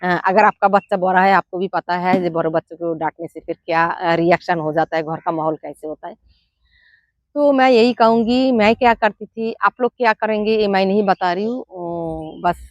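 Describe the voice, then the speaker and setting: A middle-aged woman, a mother, giving frank, down-to-earth parenting advice in a casual vlog, pausing often with "uh". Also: lowish voice, no echo, lo-fi sound. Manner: frank and down-to-earth, with many "uh" pauses.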